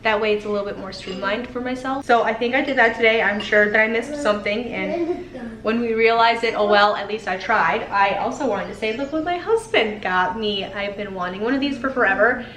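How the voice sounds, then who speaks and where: This homestead cooking vlogger talks briskly in a fairly high pitch as she rambles cheerfully through a casual kitchen vlog. She's young, a bit stuffed up from a head cold, and filming at home, where the kitchen echoes and a faint room noise lingers.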